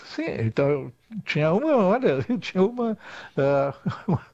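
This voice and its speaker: An older guest expert from Rio Grande do Sul, Brazil, rambles through a conversational interview, restarting often and tacking on "tá?" tags. His voice is a little high and darkish with big pitch swings at normal speed, recorded dull, lo-fi and dry with no echo.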